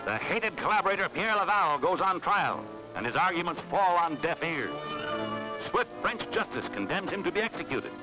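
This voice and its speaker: A man delivers a 1940s newsreel narration, his voice riding high and leaping through a wide, animated range. Every line is announced with emphatic drama. Loud orchestral music plays behind him the whole way. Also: moderate pace, poor audio.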